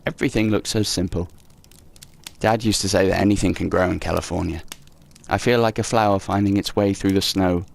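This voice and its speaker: Playing through a horror game, a young man in a let's play talks casually in a low-pitched, creaky, somewhat mellow voice. He reads the notes he finds out loud and mocks and curses at the game sarcastically. Faint game music plays underneath.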